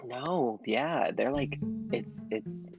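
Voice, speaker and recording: A man's voice: medium pitch, drawn-out words, creaky, highs cut off, music in the background. Sassy man co-hosting a podcast. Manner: sassy, expressive storyteller. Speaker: podcast co-host. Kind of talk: casual chat.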